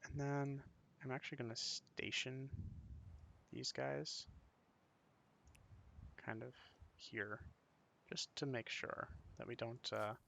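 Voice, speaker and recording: Man thinking aloud, creaky bright voice. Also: medium pitch, steady tone, slow, pauses often, a little hiss or hum. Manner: thinking aloud, musing to himself. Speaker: gaming video creator playing a strategy game. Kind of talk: casual gameplay commentary.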